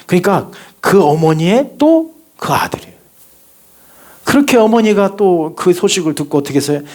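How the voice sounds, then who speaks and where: A Korean male pastor delivering a sermon in a church sanctuary with a fairly high voice. He keeps asking rhetorical questions and calls for the congregation to repeat after him. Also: lively intonation, normal speed, darkish tone. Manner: rhetorical questions, call and response.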